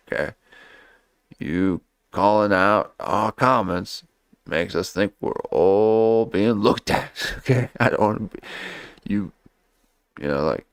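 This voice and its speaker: A man's voice: lowish voice, creaky, no echo. A man hosting a casual reaction livestream, rambling loosely and tagging nearly every phrase with "okay?".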